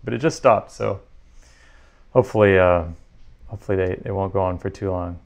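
Relaxed man hosting a livestream from home. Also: sits low, brisk, gravelly. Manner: relaxed, reads viewer comments aloud. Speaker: livestream host and pianist. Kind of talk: casual chat. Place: home apartment studio. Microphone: talk mic.

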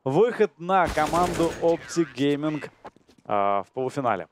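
A man gives live esports commentary and analysis as a co-caster. His voice sits a little high, with some noise and clicking behind it. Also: big pitch swings, measured pace.

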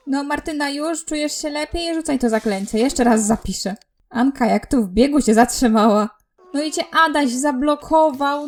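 A young woman casually commenting on her life-simulation game, exasperated and bossing her characters around with frequent laughs. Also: sits high. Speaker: let's play host.

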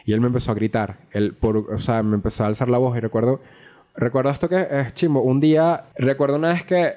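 A young man, co-hosting a podcast and telling a personal story in a casual, animated, swear-filled way. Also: mid-range voice, fairly quick. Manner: animated, profane, acts out quoted dialogue. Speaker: podcast co-host.

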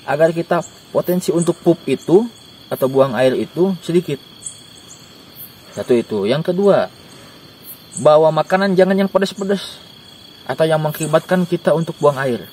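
A man's voice: on the high side, moderate pace, long pauses, a little hiss or hum. Joking young man giving camping tips. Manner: joking, animated, gestures while talking. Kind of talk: casual outdoor interview. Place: outdoors in a dark forest at night. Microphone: camera at a few steps. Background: faint insects and crickets.

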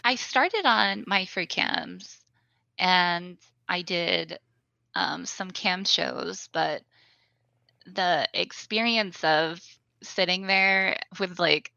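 A woman with a fairly low, forceful bright voice and plenty of vocal fry chats casually as a guest. Her talk is informal and full of likes, on a dry but slightly lo-fi recording. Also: very slow, dry recording. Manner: informal, peppered with like. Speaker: podcast guest. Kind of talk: casual chat. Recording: dull, lo-fi close recording.

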